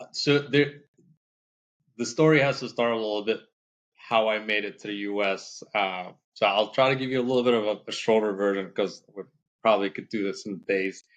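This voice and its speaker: A man from Morocco, a podcast guest, telling his story in a relaxed, rambling way with many fillers. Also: lowish voice, normal speed, dull audio. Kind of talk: casual storytelling interview.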